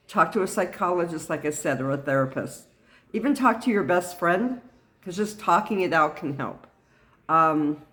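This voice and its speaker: A middle-aged woman giving a personal talk to camera in an earnest, halting way. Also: sits low. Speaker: vlogger sharing personal experience.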